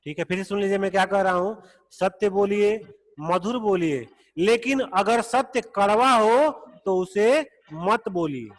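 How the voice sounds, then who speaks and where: A man teaching a Sanskrit class over a video call, explaining slowly and patiently, repeating each point. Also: high voice. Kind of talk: online class lecture. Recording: long echoey reverb.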